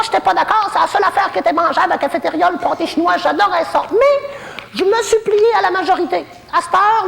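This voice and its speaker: This heavily acted stand-up bit features a woman with a Québécois French accent as a saucy old resident of a retirement home. Her very high, gravelly voice rings with long hall echo as she dishes gossip and mocks herself.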